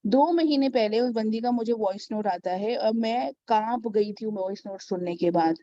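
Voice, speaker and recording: A woman with a fairly high, warm and mellow voice talks through a casual advice vlog, telling stories to her followers. She keeps checking in with the listener and acts out the people in her stories. The sound is dry and a little dull, like a lo-fi home recording. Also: moderate pace, no room sound. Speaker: network marketing mentor.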